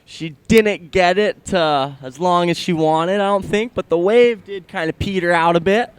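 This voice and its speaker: A man's voice: high-pitched, normal speed, smooth, dry recording. A man doing casual live sports commentary in a laid-back, chatty surfer style. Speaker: surf contest commentator.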